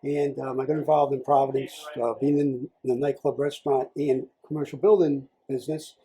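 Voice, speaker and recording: A man's voice: mid-range voice, little pitch movement, normal speed, warm tone, poor audio. A man, a political candidate telling his story in a casual interview, rambling with many fillers and restarts. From Rhode Island.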